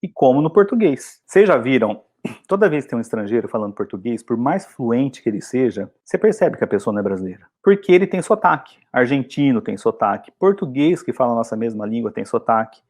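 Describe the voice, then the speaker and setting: A Brazilian man in a casual video lesson, talking to his students in a chatty, encouraging way. His pitch leaps and dips a lot as he talks. His voice sits in an ordinary middle range for a man. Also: sing-song, a little fast, a little mellow. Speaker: English teacher.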